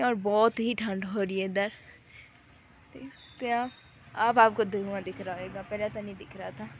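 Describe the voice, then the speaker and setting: A woman's voice: a little high, muffled recording. A young woman vlogging casually from a windy rooftop at night. She chats on while shivering, and her throat is sore. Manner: chatty, talks while shivering in the cold. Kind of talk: casual vlog chat.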